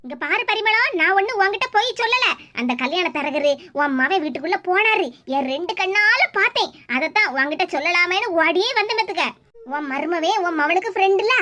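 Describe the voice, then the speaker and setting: This is a woman acting out a gossiping old granny in a cartoon. She has a southern Tamil accent and a very high, hurried voice. She is urgent and insistent. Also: animated, bright, forceful tone, exaggerated voice.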